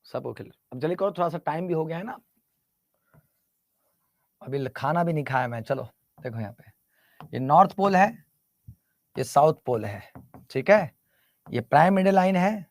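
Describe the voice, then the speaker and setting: A male teacher with a slightly high voice and lively intonation lectures a class at normal speed, pausing often, in a dry recording. He repeats terms and constantly calls on students to answer back, teasing them and mixing English terms into Hindi.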